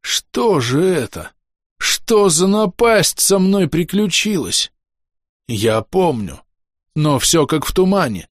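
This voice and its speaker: Audiobook figure: a man voicing a hoarse burly guard, higher and slow, dry close sound. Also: sing-song, no room sound, full character voice. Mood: dazed, pleading. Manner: slow, dazed and pleading. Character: burly mustached male guard, freed from a curse.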